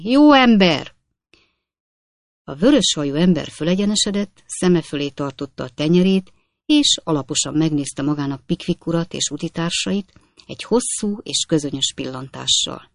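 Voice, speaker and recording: A woman reads a classic novel aloud in a calm, even storytelling manner. Her voice is low and the recording is close and dry, with no room sound. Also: creaky, no echo. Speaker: audiobook narrator. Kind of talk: scripted narration.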